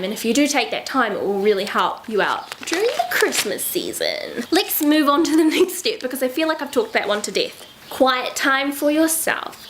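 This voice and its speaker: A woman's voice: on the high side, a little hiss or hum, poor audio. A young woman talking casually and reflectively to the camera in a lifestyle vlog, with many fillers and self-corrections. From Southern Hemisphere. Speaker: lifestyle vlogger.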